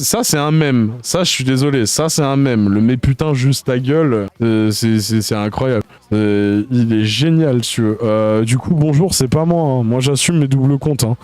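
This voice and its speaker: A man's voice: medium pitch, a little mellow, dry recording. A man streaming live, reading out chat messages in a crude, mocking way, with lots of hesitant fillers.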